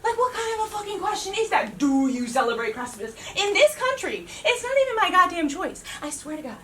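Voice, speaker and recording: A young woman doing a stand-up comedy monologue, profane and sarcastic, with an animated delivery. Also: very high-pitched, fairly quick. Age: young adult. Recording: distant mic with loud room noise.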